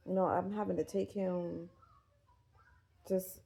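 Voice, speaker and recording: Gravelly-voiced woman rambling casually. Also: lowish voice, fairly even intonation, slow pace, warm tone, rough recording. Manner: rambling, profane, full of fillers. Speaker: vlogger. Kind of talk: casual chat.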